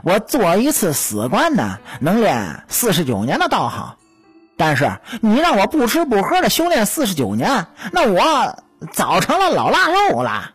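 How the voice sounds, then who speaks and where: A woman's voice: medium pitch, huge pitch swings, measured pace, husky, faint music behind, full character voice. A woman voicing a cocky, teasing male weasel spirit in a storytelling audiobook. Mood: smug teasing. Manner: teasing, smug, chuckling.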